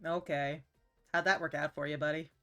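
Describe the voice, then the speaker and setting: A woman's voice: low-pitched, fairly even intonation, normal speed, pushed and bright, soft background music. A woman giving casual gameplay commentary with wry, sarcastic banter. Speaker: game streamer.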